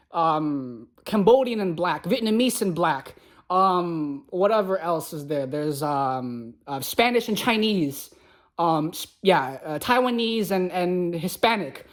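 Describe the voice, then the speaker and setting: Emphatic, preachy woman, bilingual in Khmer and English. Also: lowish voice. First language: Khmer alongside English. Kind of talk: impassioned monologue to viewers.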